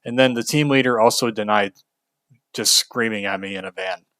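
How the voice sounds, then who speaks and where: A man's voice: mid-range voice, moderate pace, creaky, fairly bright tone, dry recording. A young man from Kentucky telling a frank, casual story about a bad job, venting with fillers and the odd curse. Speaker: video host.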